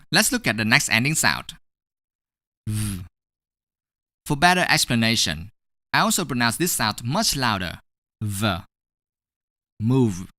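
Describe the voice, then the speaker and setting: A man teaching English pronunciation in a scripted online lesson, speaking slowly and deliberately and repeating each word for drilling. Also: mid-range voice, pushed and bright, dry recording, clean studio sound.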